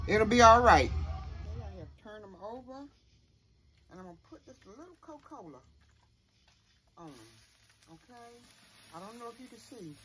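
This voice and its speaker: This middle-aged home cooking host has a mid-range voice that sounds pushed and bright. She demonstrates casually in a folksy manner, checking in with the viewer and often finishing with "okay?". Recorded as noisy home video with clear background noise, it's set in a home kitchen and later at an outdoor grill at night.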